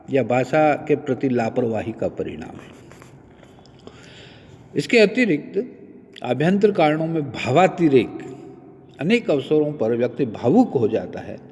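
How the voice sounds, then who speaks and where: A man lecturing on linguistics, explaining each point with many spoken examples in a measured, teacherly way. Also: a little high, a little mellow, big-room sound. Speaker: Hindi lecturer. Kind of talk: recorded university lecture.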